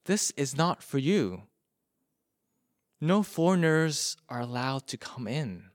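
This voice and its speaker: A man giving voice to a stern guard at the gate of an ancient Israelite camp, firm and explaining, his voice sometimes sinking low and hushed. The sound is close and dry, with no room around it. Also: very animated, slow, no room sound. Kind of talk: preacher acting out an illustration.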